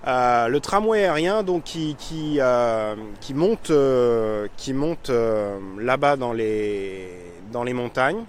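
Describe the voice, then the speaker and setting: A man talks live into a phone camera outdoors, in a chatty, self-mocking way full of fillers and restarts. His voice is mid-pitched and everyday, and faint street noise hums in the background. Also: expressive, slow, hardly any pauses. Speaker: vlogger showing a town on a live stream. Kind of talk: casual live vlog.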